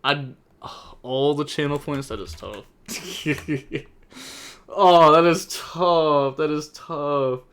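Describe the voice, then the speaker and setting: Slow-talking young male streamer. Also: on the high side, a bit bright, clean tone. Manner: chatty, thinks aloud, repeats himself, laughs often. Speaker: streamer commentating a card game tournament. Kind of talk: casual live-stream commentary.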